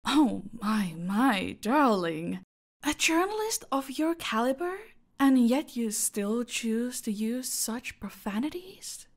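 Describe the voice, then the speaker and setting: An actress plays a silky, aristocratic cartel boss in a roleplay audio drama, menacing, condescending and deliberate, often dropping toward a whisper. Her exaggerated voice is on the high side with big pitch swings, and the mood is mocking and threatening.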